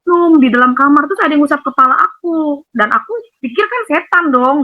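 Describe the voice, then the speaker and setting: A woman giving an emotional personal testimony over a phone call, rambling and animated with many fillers. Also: high-pitched, a little fast. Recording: tinny phone line with faint noise.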